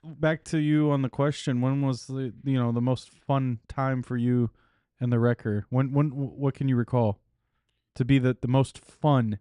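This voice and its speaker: A man's voice: medium pitch, fairly even intonation, moderate pace, mellow, smooth, no echo. A man, a podcast co-host and tow truck driver, asking questions and chatting in a laid-back way. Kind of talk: casual chat.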